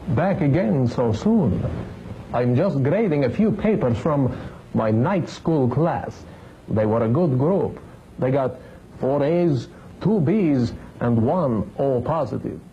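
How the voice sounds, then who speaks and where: Swooping, ghoulish vampire horror host. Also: male voice, medium pitch, lively intonation, slow pace, mellow. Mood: wry, punning. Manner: theatrical, hammy, mock-sinister delivery. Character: pompous, ghoulish centuries-old male vampire baron, fond of puns. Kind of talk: campy TV horror host monologue. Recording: dull, hissy vintage 1970s TV tape.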